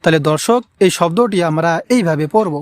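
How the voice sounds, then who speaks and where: A man's voice: on the high side, brisk, no room sound. A man teaching careful pronunciation of an Arabic prayer, patiently repeating words and stretching out the long vowels for learners. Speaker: Quran recitation teacher. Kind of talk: slow pronunciation lesson with drawn-out Arabic recitation.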